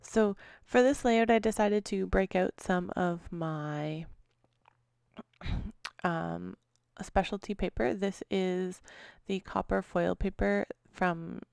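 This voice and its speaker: A scrapbooking vlogger narrates her own crafting video in a casual, chatty voice-over, often apologizing and trailing off with small laughs. Her medium-pitched voice is creaky, unhurried and a little mellow, recorded in studio quality with no echo.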